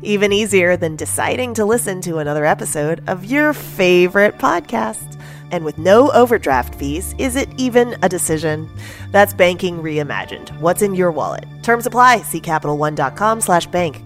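Woman reading podcast sponsor ads, slightly low voice, faint music under. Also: lively intonation, moderate pace. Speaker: sponsor ad reader. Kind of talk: scripted podcast ad read.

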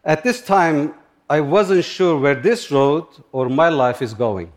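A middle-aged man from Turkey, speaking halting in short phrases as he tells a personal story on stage. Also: fairly high pitch. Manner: plain, halting non-native English with short phrases. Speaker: speaker giving a talk.

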